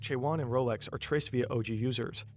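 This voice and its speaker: A man's voice: medium pitch, fairly even intonation, fairly quick, a little mellow. A man reading scripted documentary narration as the narrator. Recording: music bed behind narration.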